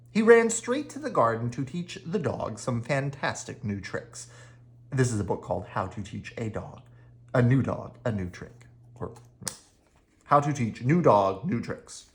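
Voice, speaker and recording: A storyteller reads a children's picture book aloud in a mid-range, slightly bright voice. The animated delivery is dramatic and playful, full of fun sound words.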